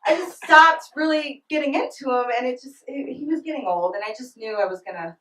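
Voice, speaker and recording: A woman's voice: sits high, brisk, pushed and bright. A young woman performing a stand-up comedy set in a small club, giggling and breaking into laughter mid-line. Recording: roomy club sound from a distant mic.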